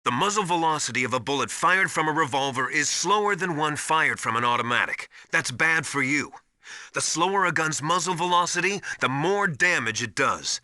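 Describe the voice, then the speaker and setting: In a video game, a seasoned military survival mentor delivers practical, encouraging briefings in a matter-of-fact manner. His mid-range male voice is very bright, with lively intonation, and the sound is close and dry with no echo.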